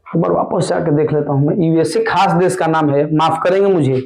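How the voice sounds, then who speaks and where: A man teaching an exam-prep grammar lesson, going slowly and repeating each answer word by word. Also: fairly high pitch, darkish tone, rough recording. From India. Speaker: English teacher.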